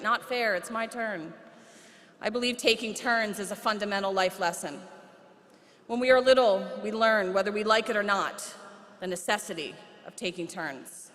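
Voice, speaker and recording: Woman, middle-aged, commencement address, measured delivery, long hall reverb. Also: medium pitch, a bit bright. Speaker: commencement speaker. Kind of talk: prepared commencement speech. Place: large hall.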